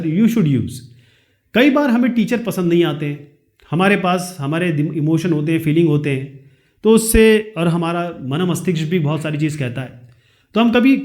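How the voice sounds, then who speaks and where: Male teacher, high and animated, reads quiz questions slowly, then explains them briskly. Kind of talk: explaining quiz answers in a lesson.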